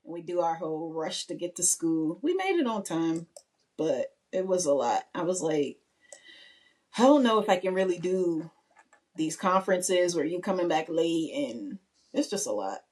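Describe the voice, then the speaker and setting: A woman's voice: on the low side, sing-song, moderate pace, darkish tone. A woman in her thirties, a podcast co-host, chatting casually and telling stories with frequent laughs. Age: 30s. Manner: chatty storytelling, laughs often. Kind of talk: casual chat.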